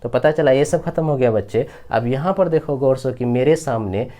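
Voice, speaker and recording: A man teaching an English grammar lesson, patiently explaining, calling his students children and slowly repeating example sentences. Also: mid-range voice, dark tone. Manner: explains patiently and rephrases often. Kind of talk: classroom grammar lecture.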